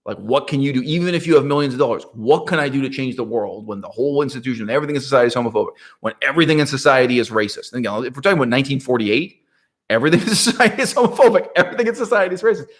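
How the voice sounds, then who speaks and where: A man talking through a political topic in a casual monologue, rhetorical and animated, often checking in with "right?" and laughing mid-sentence. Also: mid-range voice, rapid-fire. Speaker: political commentator.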